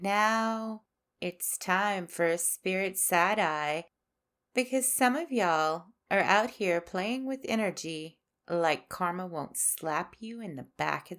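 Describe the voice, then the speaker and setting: A woman hosting a spiritual podcast, delivering a scripted monologue with sass and a preachy edge. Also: mid-range voice. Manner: slow, sassy, preachy delivery. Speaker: podcast host. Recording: faint music underneath.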